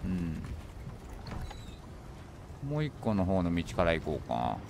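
Lively Japanese man streaming a horror game. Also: deep voice, slow pace, a little hiss or hum. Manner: thinks aloud while playing, bursts into alarmed shouts. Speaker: gaming streamer. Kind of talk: horror game let's play commentary.

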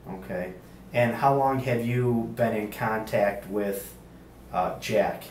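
A male state police investigator running a formal interrogation, halting with many uhs and ums, heard on an interrogation-room tape recording. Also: fairly low pitch, darkish tone. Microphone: fixed room camera mic. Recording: roomy, distant, faint hiss.

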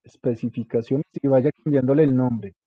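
A man's voice: mid-range voice, fairly even intonation, moderate pace, no room sound, narrow, tinny audio. A man, coaching a student step by step in an informal, casual way and spelling out small details. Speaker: instructor. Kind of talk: guiding a student through a web page setup.

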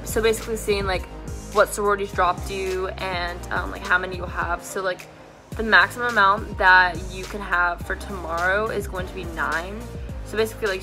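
Casting: college-age woman, bubbly sorority-girl vlogger, bright forward voice, casual chatty delivery, faint music behind. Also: mid-range voice. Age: young adult, college student. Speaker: student vlogger. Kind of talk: casual chat to camera. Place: small dorm room.

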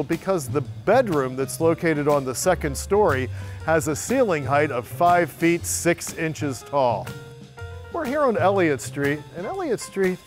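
Man, middle-aged, animated tour guide, slightly high voice, faint music underneath, outdoor lapel mic. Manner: storytelling, lively, playful asides. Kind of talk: on-camera walking tour presentation. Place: outdoors on historic city streets and alleys.

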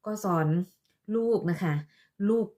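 A woman's voice: unhurried, a little mellow. Crude, scolding woman ranting. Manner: scolding, crude and mocking, sarcastic motherly tone. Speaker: online commentator. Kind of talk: ranting vlog monologue.

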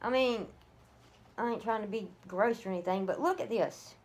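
A woman's voice: mid-range voice, moderate pace, a little hiss or hum. Chatty woman vlogging at home. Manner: rambling, lots of "I mean" fillers. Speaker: vlogger host. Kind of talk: casual home vlog chat.

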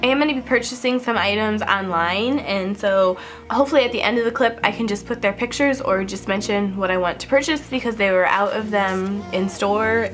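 Indoors in the upstairs hallway of a house, a woman in her twenties does a relaxed beauty haul vlog, sitting close to the camera and its mounted mic. She speaks at medium pitch, sounding scratchy and stuffy from a cold, and laughs frequently.

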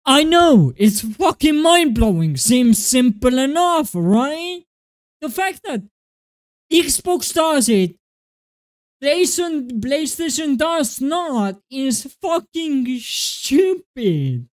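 A young man with an Estonian accent ranting to his webcam, exasperated and swearing, with halting restarts. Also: extremely high pitch, very animated. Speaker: gaming video creator. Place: small indoor room at a desk. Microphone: webcam close up.

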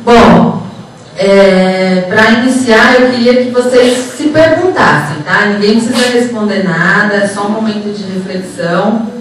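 Speaking a little slowly at medium pitch, a woman who works as a psychologist and HR professional gives students an informal motivational lecture. She addresses the auditorium audience conversationally and checks in with short tag questions. Her handheld microphone runs through the room speakers, picked up from a distance in an echoey, noisy hall.

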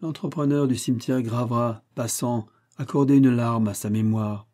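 A man's voice: medium pitch, steady tone, moderate pace, dark tone, lightly acted. A man reading the lines of a sardonic, tipsy young man at a feast, mocking with a sadly clownish air.

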